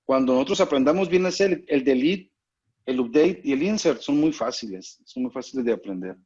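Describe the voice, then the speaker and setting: A man's voice: medium pitch, animated, brisk, a little mellow, slightly rough. Patient man teaching an online class. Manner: patient, explanatory, often checks in with students. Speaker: instructor. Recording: muffled lo-fi online call audio.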